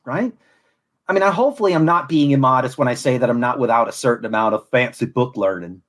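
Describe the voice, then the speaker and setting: Formal man with a mid-Atlantic accent. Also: mid-range voice. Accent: mid-Atlantic, shifting toward Southern. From Southwest Florida. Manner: elaborate, formal, intricate phrasing. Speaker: podcast host. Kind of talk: reflective solo monologue.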